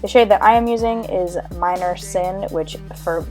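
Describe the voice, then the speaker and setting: A woman's voice: lowish voice, moderate pace, darkish tone. Tired, hungover young woman chatting over music. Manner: self-deprecating, wry, chatty. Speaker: makeup vlogger. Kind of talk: casual voice-over makeup tutorial. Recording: background music under voice-over.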